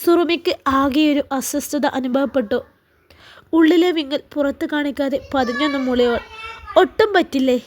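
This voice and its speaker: High-voiced woman narrating a story. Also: moderate pace.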